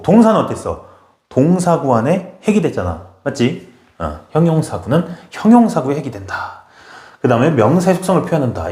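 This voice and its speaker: A man teaching an English grammar lesson in a brisk way, often checking in with his students and urging them to memorize. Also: mid-range voice, a little mellow, reverberant. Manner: brisk, repeats "okay?" and pushes students to memorize. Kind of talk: classroom lecture.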